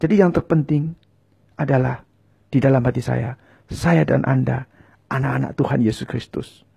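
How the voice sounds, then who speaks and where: A man's voice: mid-range voice, steady tone, moderate pace, gravelly, dark tone, slightly rough. A man preaching and leading viewers in a fervent prayer, giving short lines for them to repeat. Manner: speaks in tongues.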